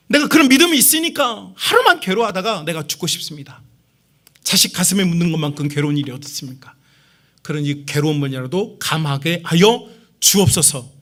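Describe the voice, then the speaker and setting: A pastor acting out an aging patriarch who pleads with God in a sermon, lamenting and bargaining in earnest. The voice sits high and bright, with a clear, ringing edge. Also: male voice, heavily acted.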